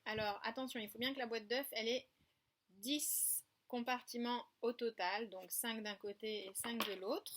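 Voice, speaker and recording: A woman teaching a remote preschool lesson in a French accent, sounding out syllables clearly and praising the children gently. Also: a little high, steady tone, moderate pace, noisy background. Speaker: kindergarten teacher.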